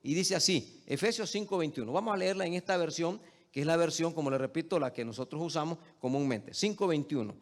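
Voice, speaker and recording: Guy pastor giving a sermon, kinda high voice, tells stories then gets loud and punchy, keeps saying brother. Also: fairly quick, big-room sound. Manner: storytelling preacher who builds to loud, emphatic delivery; addresses listeners as "hermano". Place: church service.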